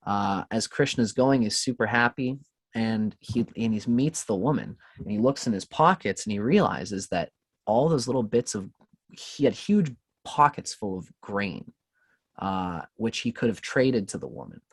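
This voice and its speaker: A man on a podcast, calmly telling a spiritual story in an unhurried, reflective way. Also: fairly low pitch, slightly rough, no echo. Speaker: podcast guest. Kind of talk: casual storytelling in conversation.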